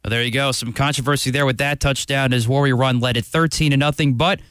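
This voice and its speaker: A man hosting a radio sports show, recapping scores and introducing highlight clips. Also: fairly even intonation, fast, a bit bright, smooth, dry recording, studio quality. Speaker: radio halftime host.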